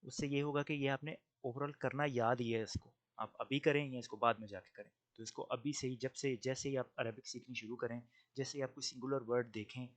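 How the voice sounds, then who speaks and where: A man teaching Arabic grammar in an online lesson, explaining patiently and slowly drilling pairs of words. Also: medium pitch, fairly even intonation. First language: Urdu.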